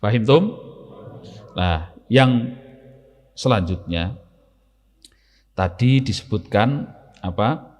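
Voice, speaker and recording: A man's voice: lowish voice, extremely slow, long pauses, in a large hall. A man with a Javanese accent preaching a sermon to students, quizzing the audience and reciting Arabic verses. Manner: lively, asks the audience questions, mixes Arabic verses. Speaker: Islamic preacher.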